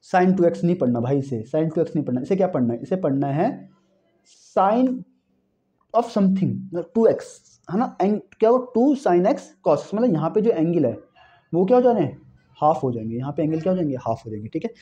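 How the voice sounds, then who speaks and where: A young man giving an animated exam-prep math lecture, repeating key phrases and talking to students as friends. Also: on the high side, normal speed. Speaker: math teacher.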